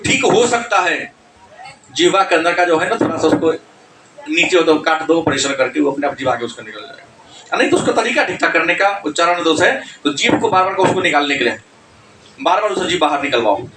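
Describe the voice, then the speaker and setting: A male teacher giving an animated classroom lecture, scolding students and laughing between points. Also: a little high, a little fast, echoey room, distant mic, poor audio. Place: coaching classroom.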